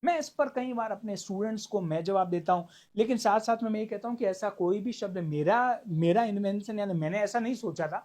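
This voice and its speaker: A man teaching an online law class, animated, acting out small dialogues and stretching key words for emphasis. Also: high voice, fairly quick, hardly any pauses. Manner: animated, acts out little dialogues. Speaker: law lecturer for exam prep.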